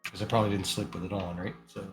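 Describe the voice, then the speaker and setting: A man's voice: low-pitched, level tone, fast, over music. A man talking casually as a player in a tabletop game.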